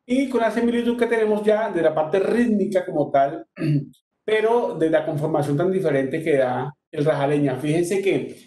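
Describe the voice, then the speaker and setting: Colombian man teacher, high voice, counts and chants rhythms, echoey room with guitar. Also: moderate pace, dark tone. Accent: Colombian Spanish. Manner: counts beats aloud and chants strumming patterns. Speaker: music teacher. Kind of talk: online workshop lesson on tiple rhythms.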